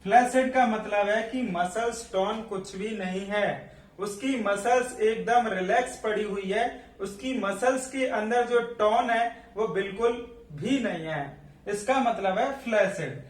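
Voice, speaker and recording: This nursing lecturer has a high voice and a measured pace, and he answers the questions he puts to the class himself. His voice sounds distant in an echoey room.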